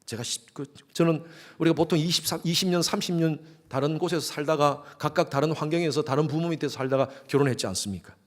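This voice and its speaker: A man in his sixties preaching a sermon in church, lively and acting out quarreling couples. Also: a little high, fast talker, few pauses. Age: 60s. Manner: lively, acts out quarreling couples in quoted lines. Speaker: pastor.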